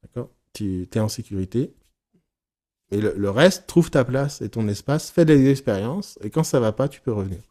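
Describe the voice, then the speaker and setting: A man leading a casual teaching session for therapists, frank and animated, swearing casually and acting out his examples. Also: mid-range voice, moderate pace. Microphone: recorded live session, on YouTube.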